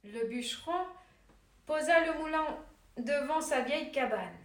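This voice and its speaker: Slow, high-voiced woman telling a tale. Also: animated, far from the mic, over loud music. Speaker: storyteller. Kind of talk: children's fairy tale reading. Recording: echoey room, voice off-mic.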